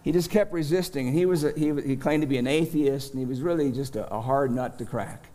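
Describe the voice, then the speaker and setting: A middle-aged male pastor preaching a sermon, telling a personal story slowly and deliberately, rising with emphasis at key moments. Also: medium pitch. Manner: storytelling, slow and deliberate with animated rises.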